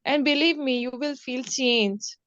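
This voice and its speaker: A woman's voice: high-pitched, a little slow, a bit bright, dry recording, highs cut off. A woman with a Pakistani accent, an English teacher talking informally and reassuringly in an online lesson, often repeating herself. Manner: repetitive, reassuring, calls student dear. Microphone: online call.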